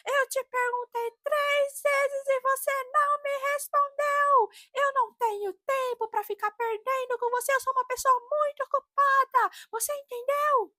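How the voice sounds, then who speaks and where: A woman imitating a rude, impatient male clerk who shouts in shrill exasperation. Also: no room sound, clean studio sound, full character voice.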